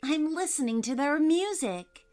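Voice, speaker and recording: A woman voicing a bright, dreamy little girl. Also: sits high, expressive, measured pace, voice pushed up. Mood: earnest. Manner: bright, earnest, insistent.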